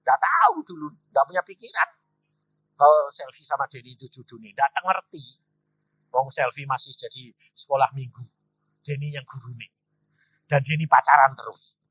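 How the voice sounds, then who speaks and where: An older man preaching in with a tinge, telling stories in an animated way and acting out the dialogue. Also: mid-range voice, moderate pace, husky, dry recording, muffled recording. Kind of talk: sermon with storytelling.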